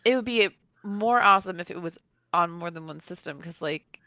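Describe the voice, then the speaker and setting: A woman co-hosting a casual chat, firing off quick, lively questions. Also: fairly low pitch, dry recording. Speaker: co-host. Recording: dull, dry lo-fi sound.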